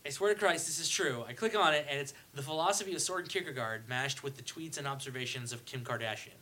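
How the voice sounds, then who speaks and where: A man's voice: medium pitch, quick pace. A man co-hosting a comedy podcast, chatting casually and animatedly, often laughing. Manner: animated, laughing, reads tweets aloud in joke voices. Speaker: podcast co-host.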